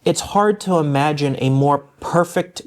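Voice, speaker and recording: A man's voice: a little high, measured pace. A man talking as a guest in a casual podcast chat, enthusiastic and often restarting his sentences. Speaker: guest food critic.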